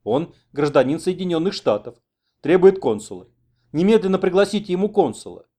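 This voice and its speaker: A stout interpreter whining through his nose, as a male reader plays him. He pleads slowly in a voice pitched above the narration. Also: expressive, warm tone. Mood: explaining. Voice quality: nasal.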